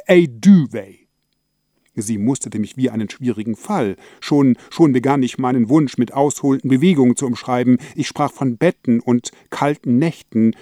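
A man's voice: medium pitch, warm tone, no echo, clean studio sound. A man telling a story as a theatrical monologue, with a wry, dramatic narration.

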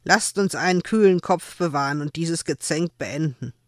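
A woman voicing a kindly middle-aged male blacksmith who speaks calmly and soothingly. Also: sits low, normal speed, no echo, clean studio sound, natural voice.

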